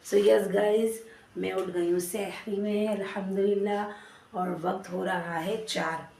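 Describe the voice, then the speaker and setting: A woman's voice: mid-range voice, steady tone, slow pace, creaky, darkish tone, recorded from a distance. A woman chats to her viewers as she cooks in a home kitchen at night, with pious asides between bits of everyday talk. Her voice bounces around a hard, echoey room, and a faint hiss sits under it. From Pakistan. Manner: chatty, pious, talks to viewers while cooking. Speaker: vlogger. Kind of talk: casual home vlog narration.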